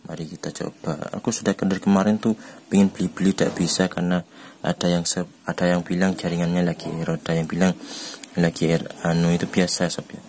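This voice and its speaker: A man's voice: low voice, little pitch movement, fairly quick, darkish tone, a little hiss or hum. A man from Indonesia, rambling chattily through an online shopping walkthrough. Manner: rambling chatty, says "sob" constantly. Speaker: online shopping tutorial vlogger. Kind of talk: casual screen walkthrough.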